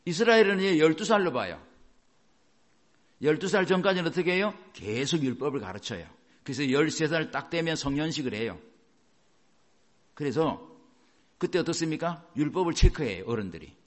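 A man's voice: a little high, normal speed, long pauses. A man preaching a sermon, telling stories and posing rhetorical questions to the congregation. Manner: animated storytelling with rhetorical questions. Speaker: pastor.

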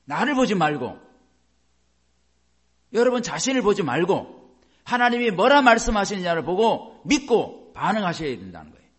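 A male pastor delivers a sermon in a high, sing-song voice with a fairly bright tone, speaking at a moderate pace and pausing often. He frequently poses rhetorical questions to the congregation and acts out short dialogues, switching voices for each part.

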